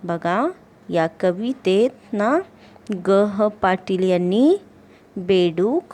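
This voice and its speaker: A woman teacher with a Marathi accent speaks to her young pupils in a slow, unhurried voice with a middle pitch. She asks the class questions and then answers them herself. When she recites a poem, her voice takes on a sing-song lilt. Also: animated, darkish tone. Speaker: primary school teacher.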